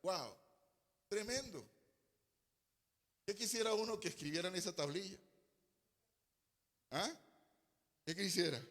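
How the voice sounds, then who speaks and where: A man's voice: high-pitched, lively intonation, unhurried, long pauses, fairly bright tone, long reverb tail. A man preaching a sermon as pastor, reading scripture aloud with strong exclamations and putting questions to the congregation. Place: church hall.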